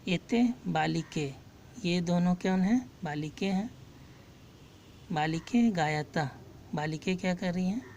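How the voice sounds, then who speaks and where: A woman teaching a lesson. She reads each phrase aloud and then explains it slowly and patiently. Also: on the low side, darkish tone, slight background noise. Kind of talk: slow line-by-line Sanskrit lesson with Hindi translation.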